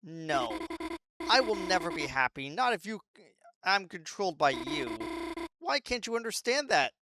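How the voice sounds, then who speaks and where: A man voicing a timid, quietly defiant young woman in a soft, hushed reading over game music. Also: sits high, big pitch swings, measured pace, dry recording, studio quality, exaggerated voice. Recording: loud game music behind.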